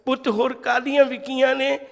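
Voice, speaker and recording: A man's voice: very high voice, little pitch movement, normal speed, gravelly. A man quoting a poor, loving old grandmother in a tender, pleading way, in a hall. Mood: gently questioning. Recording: long hall reverb.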